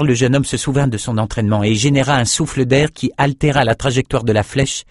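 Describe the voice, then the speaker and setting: A man with a lowish voice reads a fantasy adventure aloud as narrator. His reading is measured and dramatic. The sound is close and dry, with no room echo. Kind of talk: storybook narration.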